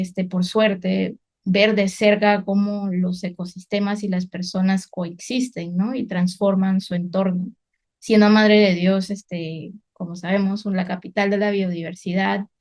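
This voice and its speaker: A woman's voice: medium pitch, fairly even intonation, a little slow, a little mellow. A woman in her thirties from Guatemala, an environmental researcher telling her career story in a reflective, unscripted way with frequent fillers and restarts.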